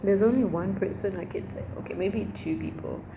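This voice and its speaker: A young adult woman chatting casually as a vlogger, rambling and expressive, with emphatic, slangy phrasing. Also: mid-range voice, brisk. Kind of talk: casual chat to camera. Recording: noticeable background noise.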